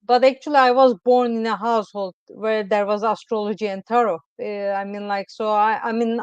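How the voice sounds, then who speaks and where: Over a video call, a middle-aged Turkish woman with a Turkish accent chats as a guest astrologer, rambling hesitantly and filling her speech with "I mean, like." Her voice is smooth, a little high and a little mellow, with no echo. It's a casual interview, recorded with a dull lo-fi sound.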